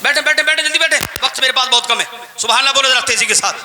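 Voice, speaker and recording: A man preaches with fierce passion, his very high voice cutting through as he climbs to shouts. His tone is sharp and bright. The sound rings through a long echoing hall. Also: racing, a little hiss or hum. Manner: impassioned, shouting at peaks. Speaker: Islamic preacher. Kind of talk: fiery religious speech.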